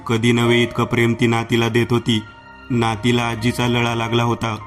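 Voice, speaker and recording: A male storyteller narrates a horror tale in a strikingly flat, level voice that hardly rises or falls. His pitch sits in an ordinary middle range, and soft music plays faintly behind him. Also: moderate pace. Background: faint background music.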